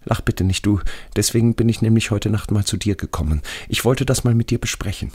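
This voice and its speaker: A man's voice: lowish voice, a little fast, a little mellow, breathy edge, pitched above the performer's own voice. Man voicing a timid pleading soldier's ghost. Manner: pleading, anxious, repeats itself. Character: timid dead young male soldier's ghost. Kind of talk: audiobook character voice.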